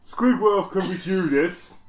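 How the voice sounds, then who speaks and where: A man's voice: high voice, slow pace, roomy sound, low-quality recording. A man in casual banter, wry and offhand.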